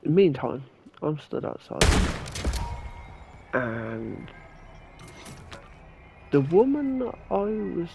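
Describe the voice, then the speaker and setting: A man's voice: a little high, very animated, very slow, gravelly, pauses often, highs cut off, background noise. A young man casually telling a story while gaming, rambling and swearing as he retells what happened. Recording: loud game gunfire behind the voice.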